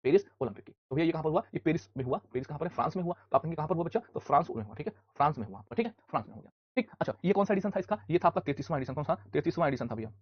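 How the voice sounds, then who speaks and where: Guy teaching a live online class, rattles off facts super fast, husky slightly high voice, dry muffled sound. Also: animated, no echo. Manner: fast, repetitive drilling with rhetorical questions; scolds students loudly at times. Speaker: online exam-prep teacher.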